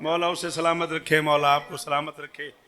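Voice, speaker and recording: A man giving a religious majlis address in a large hall, animated and calling out to his listeners by name. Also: a little high, moderate pace. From Pakistan. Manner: animated, calls out to listeners by name, loud emphatic bursts. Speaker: majlis speaker. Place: large imambargah hall with audience.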